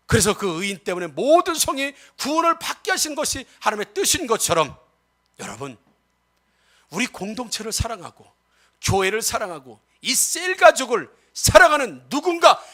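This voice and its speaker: Preaching on a Sunday, a man whose voice is very high asks his congregation rhetorical questions, alternating between loud urging and quiet asides.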